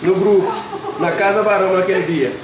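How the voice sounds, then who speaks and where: High-voiced joking guy in an echoey gym. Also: steady tone, a little fast, background noise. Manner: laid-back joking slangy banter. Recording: echoey gym with long reverb.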